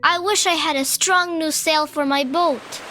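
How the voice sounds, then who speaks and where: A woman's voice: high voice, fairly even intonation, measured pace, sharp tone, pitched above the performer's own voice. A woman doing an upset bleating goat. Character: anxious goat sailor, bleating. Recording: faint music behind.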